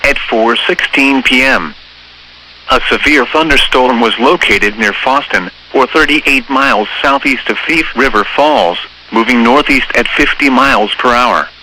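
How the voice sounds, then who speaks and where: A synthetic text-to-speech male voice with medium pitch reads scripted emergency weather bulletins in a formal, measured, impersonal way. It's an automated weather radio announcer, heard as a noisy broadcast received over radio.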